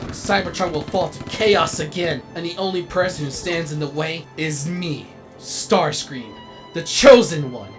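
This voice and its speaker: A man voices a melodramatic, vain robot actor-director in a comedic animated comic dub, with a grandiose, excitable delivery. His voice is a little high and natural.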